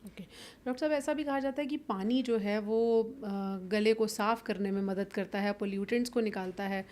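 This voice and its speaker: A woman's voice: medium pitch, steady tone, normal speed, darkish tone. A woman hosting a health interview, asking formal, polite questions. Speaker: interviewer, host.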